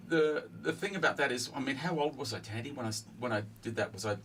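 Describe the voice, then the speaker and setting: A man's voice: mid-range voice, quick pace, a little hiss or hum, low-quality recording. A middle-aged man hosting a casual interview, chatty and self-deprecating. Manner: chatty, animated storytelling with self-deprecating jokes. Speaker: host.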